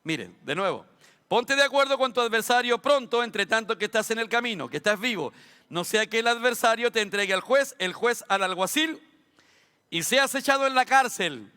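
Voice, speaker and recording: A man's voice: very high voice, expressive, normal speed, bright, forceful tone, smooth. A Chilean man preaching a sermon as a pastor, asking rhetorical questions and dropping humorous asides. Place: church sanctuary. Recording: long church hall reverb.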